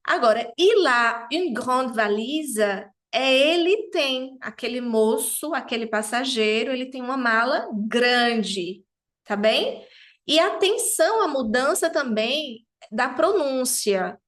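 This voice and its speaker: A woman's voice: sits high, animated, slow, a bit bright. A woman teaching French grammar to beginners, checking in with her students often and stressing each French phrase as she says it. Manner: didactic, checks in often with "tá bem?".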